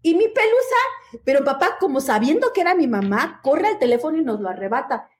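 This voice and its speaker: Mexican woman host, high voice, funny anecdotes full of voices. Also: fairly quick. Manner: lively storyteller, mimics family voices. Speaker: talk show host. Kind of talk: casual chat, comic anecdote.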